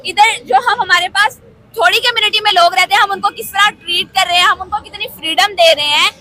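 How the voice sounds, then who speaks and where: A woman's voice: extremely high pitch, fairly even intonation, quick pace, sharp tone, some chatter behind. A young woman with a Pakistani accent, a student answering a street interview in an assertive, insistent, lecturing manner.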